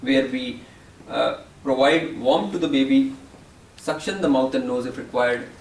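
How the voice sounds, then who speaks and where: A gravelly-voiced man calmly walks through the steps of newborn resuscitation as a teacher. He sits away from the mic, and the room around him echoes. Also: medium pitch, measured pace, far from the mic, slight background noise. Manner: calm, step-by-step explaining. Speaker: medical educator. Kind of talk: teaching summary.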